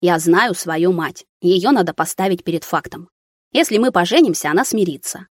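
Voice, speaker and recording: A woman's voice: lowish voice, expressive, moderate pace, no room sound, studio quality. A woman reading as an ardent young man. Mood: tender, insistent. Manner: earnest, persuasive. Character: young male student, ardent and decisive.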